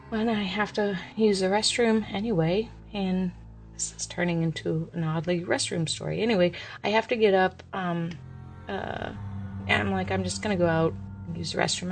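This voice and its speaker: A young woman casually telling her own ghost story, rambling and animated, with plenty of fillers. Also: on the low side, vocal fry. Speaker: listener sharing a ghost story.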